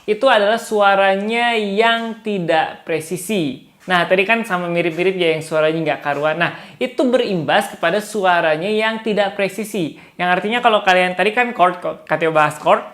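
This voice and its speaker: A man's voice: sits high, moderate pace, fairly bright tone. A man giving a casual spoken guitar lesson as a guitar tutor, chatty and chuckling often, referring to himself in the third person.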